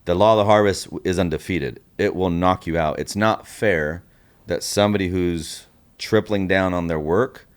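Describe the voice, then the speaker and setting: Low-voiced man hosting a podcast. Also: moderate pace. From Puerto Rico. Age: 40s. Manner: earnest, motivational, mixes Spanish phrases. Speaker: podcast host. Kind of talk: interview podcast.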